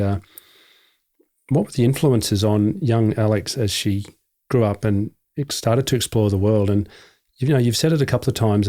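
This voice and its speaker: A man's voice: fairly low pitch, warm tone. A man hosting an interview, asking friendly, rambling questions with frequent restarts. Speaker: podcast host. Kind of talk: conversational interviewing.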